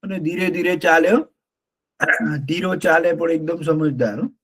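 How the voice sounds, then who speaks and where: A man telling an animated story to children in an online class, often checking in with them. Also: on the high side, normal speed.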